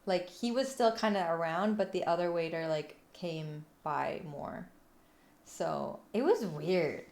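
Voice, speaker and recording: A woman livestreamer chatting casually with viewers in a playful, cutesy, giggly and animated way. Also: fairly low pitch, slow pace, creaky. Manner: animated, expressive delivery. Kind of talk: casual live chat. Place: room at home.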